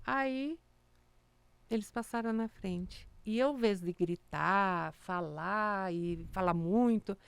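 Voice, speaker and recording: A woman's voice: medium pitch, takes it slowly, vocal fry, clear, resonant tone, dry recording. A woman, a music teacher for small children, telling stories in casual chat and acting out the quotes in them. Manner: animated storyteller acting out quotes, many "né?" tags.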